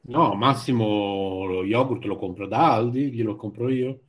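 A man's voice: fairly low pitch, unhurried, slight background noise. A man taking part in a live show, talking casually and conversationally. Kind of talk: casual chat.

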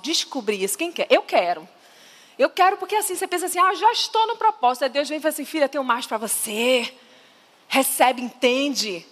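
High-voiced woman preaching in a hall. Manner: lively, emphatic, asks the audience questions. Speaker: speaker at a women's faith conference. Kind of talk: preaching talk to women.

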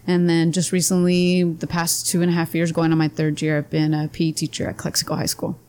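A woman's voice: sits low, completely flat delivery, fast, a little mellow, a little hiss or hum. Woman in her forties, telling her story. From Southern California, raised partly in Spain. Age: 40s. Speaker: guest, athletic director. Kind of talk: interview answers.

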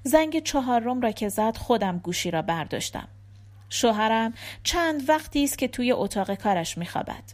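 A woman reads a short story aloud in the first person, calm and measured. Her voice sits a little high for a woman. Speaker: audiobook narrator.

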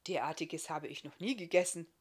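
A kindly blind giant with a big beard speaks from a storybook page, as a woman reading aloud gives him voice. He talks calmly and gently, in a warm storytelling tone. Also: deep voice, fairly quick, husky. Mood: gentle.

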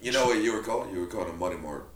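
A man teasing his friend during casual banter, loudly cutting in with jokes. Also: sits low, animated, very fast. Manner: teasing, loud, jumps in with jokes.

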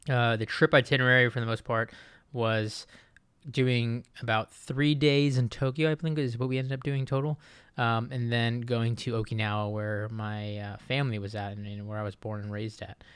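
A man's voice: medium pitch, little pitch movement, normal speed, fairly bright tone, clear, resonant tone, no echo. A man in his late twenties from Japan, hosting a casual solo podcast and rambling with lots of fillers and restarts. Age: late 20s. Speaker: podcast host.

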